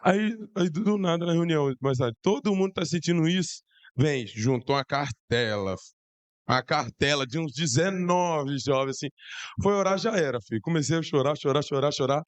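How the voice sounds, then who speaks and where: A hoarse young man with a Brazilian Portuguese accent, telling a church testimony in an excited, slangy way. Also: a little high, no echo. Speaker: church youth member giving testimony. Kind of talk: casual testimony to a congregation.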